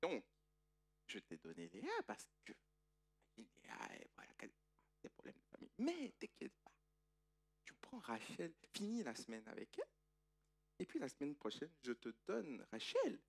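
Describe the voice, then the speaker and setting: A scheming, smooth-talking uncle with a sweet, wheedling tone, as a preacher puts him on. His pitch rises and swoops all over as he cajoles and plays the friendly host. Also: huge pitch swings, a little slow, pauses often, exaggerated voice. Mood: coaxing. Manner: coaxing, wheedling, chummy.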